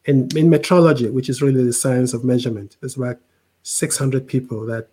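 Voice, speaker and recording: A middle-aged guest from Cameroon, a tech executive with a mixed international accent, explains his points in a steady, mellow, husky voice at medium pitch. He talks a little fast, with frequent repeated words and "right?" tags.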